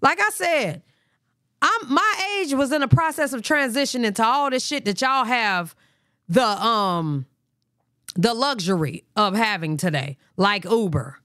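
A woman's voice: fairly high pitch, animated, measured pace, sharp tone, dry recording, studio quality. A woman hosting a live reaction stream in blunt, profane casual talk. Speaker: livestream host.

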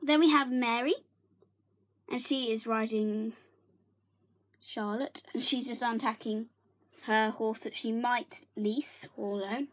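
A woman's voice: fairly high pitch, steady tone, takes it slowly, pauses often. A young woman narrates a casual tour of her toy horse barn, chatty and giggly, sometimes dropping to a whisper, filmed on a handheld phone in her bedroom. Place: bedroom, indoors. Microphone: handheld phone camera.

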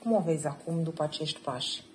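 A woman guiding a participant through a tarot card reading, gentle and probing, often checking in with a short question. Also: low-pitched, slight background noise. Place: group session at a camp.

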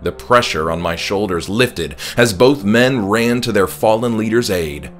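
A man with a fairly low, expressive voice reads a little slowly, performing his own horror audiobook as a dramatic first-person narrator. The scripted reading is accompanied by music.

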